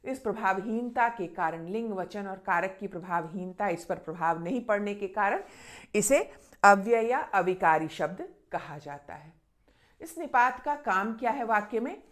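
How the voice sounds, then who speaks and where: A woman teaching a grammar lesson, who reads example sentences slowly with stress and keeps checking in with her students. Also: medium pitch, animated. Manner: often checks in with "ठीक है ना?". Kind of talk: classroom-style grammar lesson.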